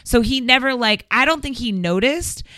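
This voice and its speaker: A woman's voice: a little high, animated, moderate pace, bright, forceful tone, no echo, clean studio sound. A woman chatting casually as a podcast guest, telling stories in a slangy way with quoted asides. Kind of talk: casual anecdote chat.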